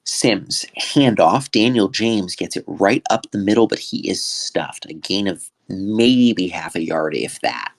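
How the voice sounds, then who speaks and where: A man giving play-by-play commentary on a football game, with steady, conversational calls and frequent fillers. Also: deep voice, a little slow, creaky, few pauses.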